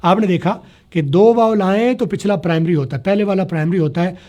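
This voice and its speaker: A man teaching spoken English to a class, spelling words letter by letter, slowing down to model sounds and checking that students follow. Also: high-pitched, mellow. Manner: slows down to demonstrate pronunciation. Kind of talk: classroom lecture.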